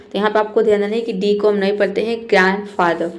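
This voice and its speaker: A woman's voice: medium pitch, level tone, very fast, dark tone. Patient Indian woman teaching pronunciation. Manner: patient, repeats each word and keeps checking in. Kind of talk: explaining word meanings in Hindi.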